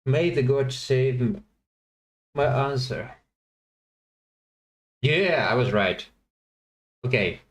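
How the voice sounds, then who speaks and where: With a mid-range voice and lively intonation, this streamer works through a language-guessing game. He reasons aloud in fits and starts, correcting himself and using many fillers, and talks to his audience between attempts.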